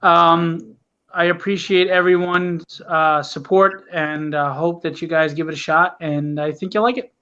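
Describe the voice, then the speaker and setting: As an interview guest, a comic book writer and publisher gives an earnest, candid and casual account of his project, plugging and explaining it. His clear, resonant voice is bright and forceful, unhurried with fairly even intonation. The call audio sounds dull and low-fidelity.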